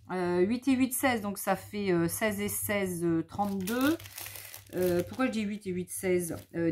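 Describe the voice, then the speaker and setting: A tired woman with a medium-pitched voice hosts a casual scrapbooking demonstration video, thinking out loud and playfully teasing herself as she works. There's a little hiss or hum in the recording.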